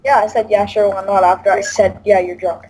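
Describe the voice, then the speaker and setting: A young woman playing a video game with a friend, yelping, laughing and reacting loudly. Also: mid-range voice, fairly quick, poor audio. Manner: excitable, yelps and laughs at the game. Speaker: co-player. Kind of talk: casual let's play chat.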